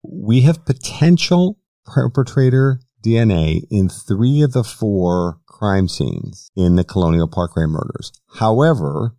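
A man's voice: lowish voice, lively intonation, unhurried, hardly any pauses, mellow, dry recording, studio quality. A man hosting a podcast, asking questions and giving long, careful explanations in casual interview talk. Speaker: podcast host.

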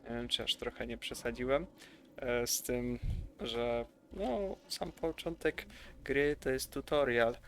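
Man, gravelly voice, casual gameplay commentary, rambling, enthusiastic. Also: medium pitch, slow, a bit bright. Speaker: gaming youtuber.

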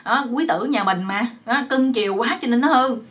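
A woman's voice: on the high side, moderate pace, natural voice. A woman doing a fussing, doting old mother. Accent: Southern Vietnamese. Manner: fussing, exasperated.

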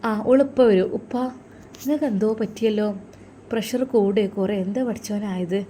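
A woman's voice: medium pitch, normal speed, dark tone, a little hiss or hum, natural voice. A woman voicing an anxious, devout mother in a storybook tale, fretful and imploring.

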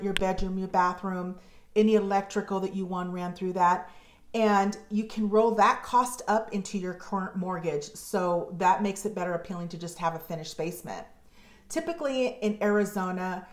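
American woman explaining in a roomy office. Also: mid-range voice. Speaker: real estate agent and channel host. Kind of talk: scripted explainer to camera. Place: home office, indoors.

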